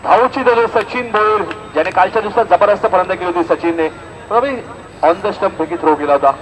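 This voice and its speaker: Here a Maharashtrian man with a fairly high-pitched voice covers a cricket match live at a fairly quick clip. The audio, taken at an outdoor ground, is low in quality, with clear background noise.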